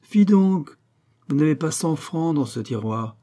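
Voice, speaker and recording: A man reading an audiobook and voicing a smooth-talking, menacing male villain with falsely genial politeness. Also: fairly high pitch, animated, unhurried, dark tone, voice pushed up. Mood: mock-polite.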